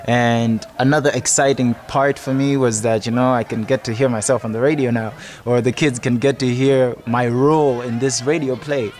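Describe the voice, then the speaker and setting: A man in his twenties, working as a youth theatre project facilitator, gives a reflective, explanatory account in a documentary interview. His mid-range voice is steady and somewhat dark, moving at a moderate pace, with music playing beneath it.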